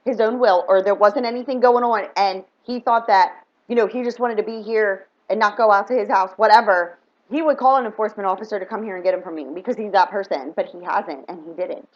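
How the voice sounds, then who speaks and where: A woman's voice: mid-range voice, fairly quick. A woman telling a heated personal story in an emphatic, fired-up way, acting out the dialogue as she goes. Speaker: spiritual reader and vlogger. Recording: dull lo-fi sound.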